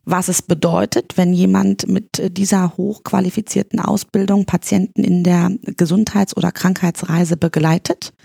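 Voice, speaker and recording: A husky, gravelly woman in her forties from East Berlin, Germany, appears as a guest on an interview podcast as a candidate for the pharmacists' chamber. Her fairly low, dark, mellow voice holds a steady tone while she speaks in a measured way, pausing to search for words. The recording is dry and close.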